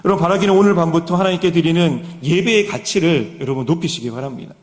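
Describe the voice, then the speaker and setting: A man's voice: fairly high pitch, fast. A middle-aged man, a pastor, preaching an earnest evening sermon in a church and speaking straight to the congregation. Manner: earnest preaching, repeated direct address to the congregation. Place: church sanctuary. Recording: long church hall reverb.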